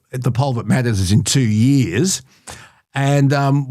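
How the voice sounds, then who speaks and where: A man's voice: mid-range voice, darkish tone, dry recording, clean studio sound. An Australian man hosting a podcast, chatting wryly about politics in short bursts. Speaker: podcast host. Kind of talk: casual political chat.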